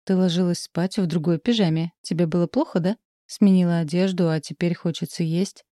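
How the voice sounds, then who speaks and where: A woman's voice: fairly low pitch, fairly even intonation, a little fast, mellow, no room sound, clean studio sound, natural voice. A woman reading the lines of a sleepy, prying middle-aged mother in a storybook, asking insistent questions. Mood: suspicious.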